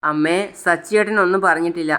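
A narrator voicing a tearful young wife, read in a smooth, near-everyday voice. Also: medium pitch, a little fast, fairly bright tone, natural voice. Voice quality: speaks as if crying.

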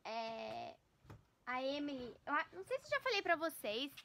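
A young woman with a high voice chats casually into a handheld camera at home, rambling and full of fillers. Now and then she drops into fond baby talk for her cat. A faint room ambience hums behind her. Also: sing-song, normal speed, creaky, a bit bright, slight background noise. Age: young adult. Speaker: vlogger. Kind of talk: casual vlog chat. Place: at home, first kitchen then living room.

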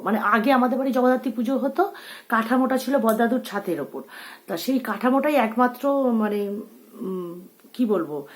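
Reflective woman, slow and hesitant. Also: fairly high pitch. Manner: reflective, many hesitations and fillers. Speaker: channel host. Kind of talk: casual personal talk.

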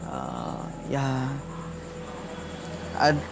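A man with an Indonesian accent, a guest in a casual chat, speaking haltingly. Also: fairly low pitch, wildly swooping pitch, creaky, loud music behind the voice. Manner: halting, with small laughs.

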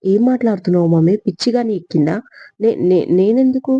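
A woman's voice: medium pitch, racing, husky, no room sound, lo-fi sound. A woman voicing a spoiled, scheming young bride who stammers defensively.

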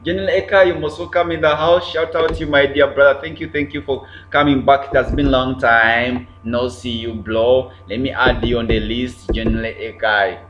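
A man's voice: medium pitch, fairly even intonation, moderate pace, few pauses, faint music behind. A man hosting a casual livestream, chatting, repeating himself and greeting viewers by name. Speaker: livestream host. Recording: roomy, dull lo-fi sound with faint hum.

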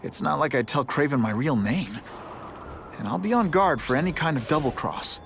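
An earnest young video game hero, nervous and hesitant. His pitch is fairly high and moves around a lot, as if thinking aloud. Some ambient noise sits behind him. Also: expressive, moderate pace, creaky. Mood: pensive. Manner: hesitant, earnest, self-talking. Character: earnest, nervous young male photographer and secret superhero. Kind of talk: video game character acting.

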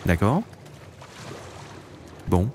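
A man's voice: drawn-out words, a little mellow, slight background noise. A man in his late twenties, hosting a let's play and chatting casually to viewers while he plays. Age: late 20s. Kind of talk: casual gameplay commentary.

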